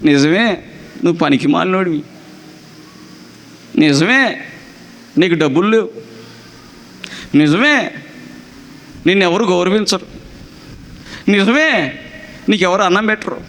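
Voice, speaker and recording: A male pastor preaches in a high, bright voice, hammering points home through repetition. He calls on his listeners to clap. A long reverb from the church hall trails his words. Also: expressive, takes it slowly, pauses often. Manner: emphatic, repetitive, calls for clapping. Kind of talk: sermon.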